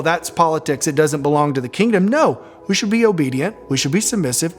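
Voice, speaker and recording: High-voiced animated preacher over soft music. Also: male voice. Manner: animated preaching with call-and-response and laughter. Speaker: pastor. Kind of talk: sermon.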